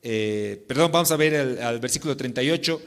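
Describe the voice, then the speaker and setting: A man's voice: medium pitch, brisk. Impassioned man preaching in a reverberant church. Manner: impassioned, swinging between loud declarations and hushed pleas. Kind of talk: sermon. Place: church sanctuary.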